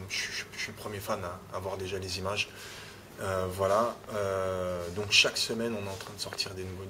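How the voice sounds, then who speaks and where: A man's voice: deep voice, noisy background. A man, a rapper being interviewed, talking casually and often restarting his phrases with "tu vois". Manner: repeats words, restarts phrases, adds "tu vois".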